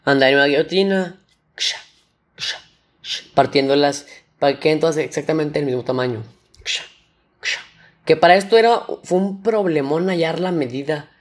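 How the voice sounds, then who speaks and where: Man, young adult, Mexican accent, fairly high voice, casual solo podcast, slangy, animated, mouth sound effects. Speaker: podcast host.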